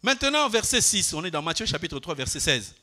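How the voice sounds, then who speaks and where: Older guy preaching, super animated, keeps asking the church questions. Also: fairly high pitch, a little fast. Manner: animated, asks the congregation questions, swings from loud to quiet. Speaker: pastor. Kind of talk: Bible study sermon.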